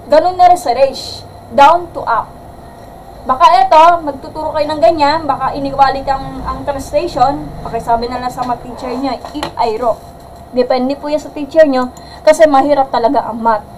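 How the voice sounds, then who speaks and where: A woman math teacher giving a live-streamed algebra lesson in a loud voice that sounds angry, mixing English terms in and checking with "gets?". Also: high-pitched, steady tone, moderate pace, a little hiss or hum, low-quality recording. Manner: mixes English terms into Filipino, asks "gets?".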